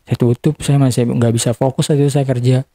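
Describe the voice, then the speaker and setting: In an interview, a young man tells an emotional personal story, halting often and repeating or restarting his words. His mid-range voice is warm and level, with no echo.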